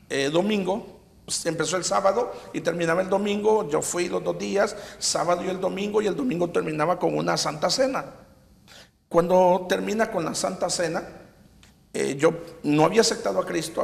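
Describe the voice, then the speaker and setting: A man giving a personal faith testimony, halting and repeating himself as he retells scenes. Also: high voice, vocal fry, big-room sound. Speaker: testimony giver.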